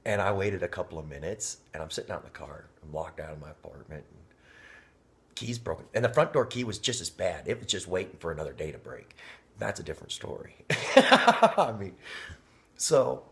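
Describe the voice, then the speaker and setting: A man's voice: deep voice, lively intonation, quick pace. A man telling a personal story in a casual, rambling way, often dropping to a near whisper. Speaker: vlogger. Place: inside a parked car.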